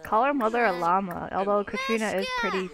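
A woman's voice: mid-range voice, expressive, fast, a loud crowd. A young woman giving casual, exclamatory commentary while playing a life-sim game, swearing freely. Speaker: let's play gamer.

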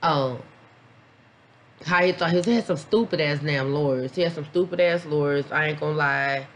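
A woman's voice: sits low, moderate pace, slight background noise. Blunt, rambling woman vlogger. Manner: blunt, profane, rambling with many fillers. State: a little tipsy after a beer. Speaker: vlogger, mom reviewing a documentary. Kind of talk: casual reaction review.

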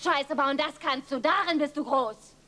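A bitter, scolding young wife. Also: female voice, high-pitched, a little slow, pushed and bright. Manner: scolding, biting. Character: bitter, sharp-tongued young wife nagging her husband. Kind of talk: dubbed film dialogue.

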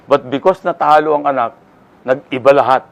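A man's voice: mid-range voice, moderate pace, creaky. An older man, a singer-songwriter guest, telling his story casually and acting out what people said to him. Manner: animated storyteller who acts out what people said.

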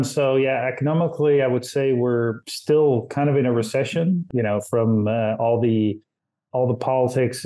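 A man from the Netherlands, a guest in a casual interview, speaking slowly with many "uh" fillers. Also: mid-range voice, dark tone.

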